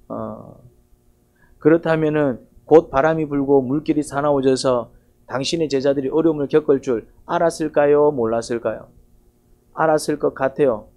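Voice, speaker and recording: A man preaches a Sunday sermon from the pulpit in a low, mellow voice of middle pitch. He tells the story vividly, like a storyteller, and often stops to ask the congregation rhetorical questions. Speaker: pastor.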